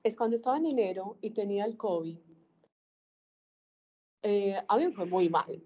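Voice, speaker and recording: A woman in her 40s earnestly shares a faith testimony with a group, speaking emphatically and acting out dialogue. Her medium-pitched voice is animated at a moderate pace, though the recording is muffled.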